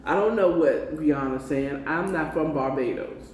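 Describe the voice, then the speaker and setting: Speaking at normal speed, a woman with a low-sitting, darkish voice leads a relaxed card reading as an American tarot reader. She coaxes hard, repeats herself, and keeps asking if the listener is with her. Faint noise and a distant, roomy mic color the recording.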